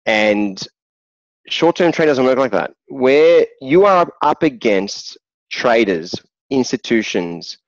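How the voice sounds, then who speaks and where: A man, a day trader, explaining his trading in a relaxed interview chat. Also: medium pitch, slow pace, no room sound, dull audio.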